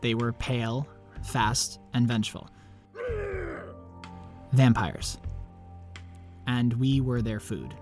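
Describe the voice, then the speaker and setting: A man's voice: medium pitch, steady tone, slow, long pauses, a little mellow, faint music behind. A man playing an awkward, lovelorn young vampire who narrates in a self-deprecating, confiding way. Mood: wry, ominous. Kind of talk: scripted first-person narration and dialogue.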